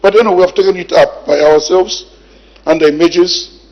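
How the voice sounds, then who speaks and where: A man, a health minister giving a measured parliamentary answer, repeating words as he thinks. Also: high-pitched. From Zambia. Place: parliament chamber. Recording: dull lo-fi broadcast sound.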